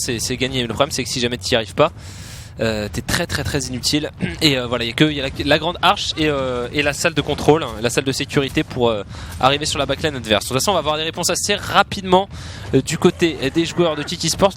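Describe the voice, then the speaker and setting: A man commentating a video game match live, calling fights like an excited announcer and repeating player names. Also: a little high, quick pace, slight background noise. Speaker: esports commentator.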